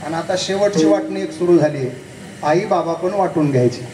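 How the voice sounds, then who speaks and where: A man's voice: fairly high pitch, fairly quick, mellow, a little hiss or hum. A man preaching a devotional kirtan sermon, telling a story and acting out both sides of the conversation while speaking directly to the crowd. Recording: echoey hall, voice from a distance.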